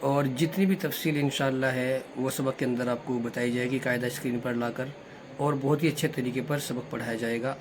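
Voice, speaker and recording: A man's voice: mid-range voice, noisy background. A man who teaches Arabic, giving a formal, polite introduction to a religious lesson. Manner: formal, polite address to viewers.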